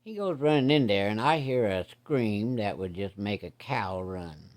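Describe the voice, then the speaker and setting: A man's voice: lowish voice, lively intonation, a little slow. A middle-aged man telling a childhood story in a casual, plainspoken way, using folksy rural grammar.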